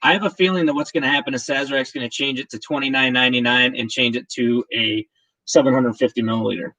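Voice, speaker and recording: A man's voice: mid-range voice, steady tone, fast talker, sharp tone, poor audio. A man hosting a casual livestream, talking in a chatty, rambling way with many restarts. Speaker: livestream host. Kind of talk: casual chat.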